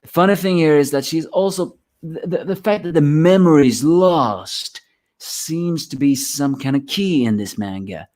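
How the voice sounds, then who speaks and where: A man's voice: a little high, a little slow, a little mellow. A man giving a rambling solo review of a manga chapter, sleepy and yawning, often restarting his words.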